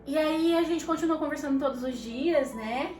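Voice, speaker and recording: A Brazilian woman casually telling a couple's story, lively and laughing often as she acts out what others said. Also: high-pitched, moderate pace. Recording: echoey room with background music.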